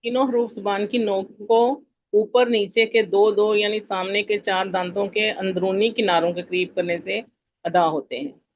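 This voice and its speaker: A woman's voice of middle pitch, reading her lesson carefully and steadily as her teacher listens. She sounds like a student answering in class. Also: steady tone, normal speed, no echo, lo-fi sound. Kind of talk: reciting a lesson aloud in class.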